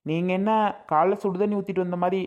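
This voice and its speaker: A woman's voice: fairly low pitch, fairly even intonation, fast, a little mellow, highs cut off, natural voice. A woman voicing an easygoing young husband. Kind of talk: cartoon voice acting.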